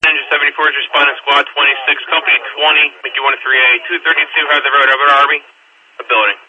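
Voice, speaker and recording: A man's voice: on the high side, sharp tone, breathy edge, dull audio. An American man working as a fire dispatcher, giving formulaic dispatches over a two-way radio.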